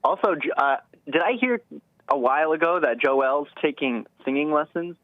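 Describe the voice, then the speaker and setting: A man's voice: a little high, lively intonation, moderate pace, no room sound. A man calling in to a radio show, chatting casually in a hesitant, rambling way over a thin phone line.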